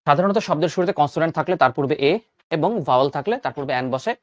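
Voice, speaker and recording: A man's voice: on the high side, very fast, dry recording. A young man teaches an online grammar lesson, asking questions and answering them himself. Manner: lively, coaxing, asks and answers own questions. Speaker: admission exam tutor.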